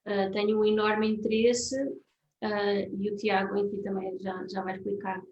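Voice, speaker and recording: Flat-toned Portuguese woman interpreting from afar. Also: mid-range voice, highs cut off. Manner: halting, many fillers, switches between Portuguese and English. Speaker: musician and interpreter. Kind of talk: translating for a guest at a festival talk. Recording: roomy, distant, faint hiss.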